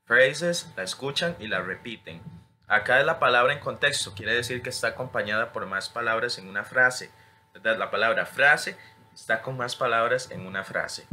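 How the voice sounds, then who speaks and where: Bright-toned teacher. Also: male voice, mid-range voice, moderate pace, a little hiss or hum. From Costa Rica. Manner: switches between English and Spanish, models words for repetition. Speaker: English teacher. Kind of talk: screen-recorded tutorial.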